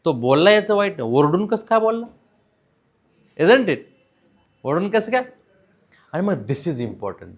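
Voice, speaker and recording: A man with a Marathi accent teaching a class, slipping English words in among his own. His voice sits a little high and swings widely in pitch. He talks slowly and keeps asking his students questions. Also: a bit bright. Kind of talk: classroom lesson.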